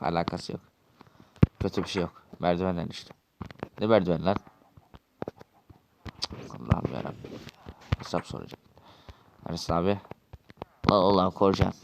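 A man's voice: deep voice, noisy background. A man acting out a quarrelsome, swearing Minecraft role-play dialogue.

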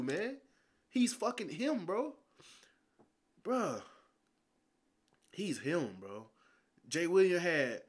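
Excitable young man reacting to basketball. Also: high voice. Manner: excitable, profane, talks straight to viewers. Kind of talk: casual reaction commentary.

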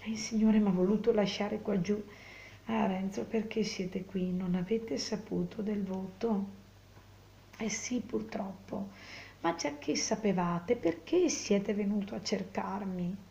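A woman reading aloud, voicing a frail, pious young peasant woman who speaks softly and fearfully, half whispering. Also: mid-range voice, a little slow, gravelly, dull audio. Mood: sorrowful.

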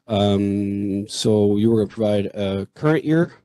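A man chairing a school board meeting, running the agenda in a relaxed, conversational way. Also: fairly low pitch, measured pace, no echo.

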